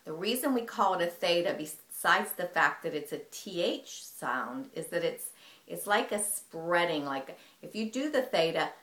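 A woman teaching a breathing technique in a calm, explanatory way. Her voice sits low, and the room around her gives it a noticeable echo. She speaks like an instructor guiding a demonstration. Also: moderate pace. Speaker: movement teacher. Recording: echoey room.

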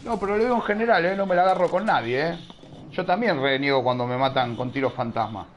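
A man's voice: on the high side, expressive, fast, slight background noise. A man with a Rioplatense Spanish accent casting a live online shooter tournament, chatty and teasing, scolding his chat with playful slang. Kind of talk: live game commentary.

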